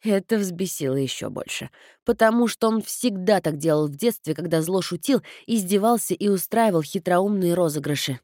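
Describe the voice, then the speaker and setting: A woman narrating a novel in the first person, raising her voice sharply into shouting for her own heroine's furious lines. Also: on the low side, animated, moderate pace, dry recording, studio quality. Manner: shifts into loud angry shouting for her character's lines. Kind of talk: audiobook narration of a romance novel.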